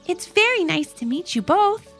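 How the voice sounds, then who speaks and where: A woman's voice: extremely high pitch, very animated, moderate pace, soft background music, voice pushed up, full character voice. A woman voicing a sweet little gnome girl. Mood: gentle. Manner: gentle, anxious pleading.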